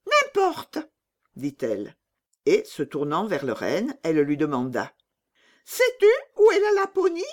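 A woman reading a fairy tale aloud as storyteller, in a melodic, expressive way. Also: sits low.

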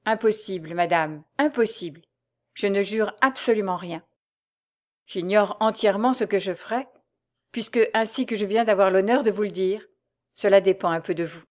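A woman voicing a calm, mysterious male nobleman with a cool, measured way of speaking. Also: medium pitch, lightly acted.

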